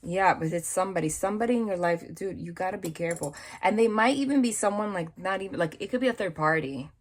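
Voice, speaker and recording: Seated indoors with her hands over the cards, a tarot reader with a New York accent talks fast in a lowish voice. She's from the New York / New Jersey area and her chatty reading wanders, full of restarts and side comments.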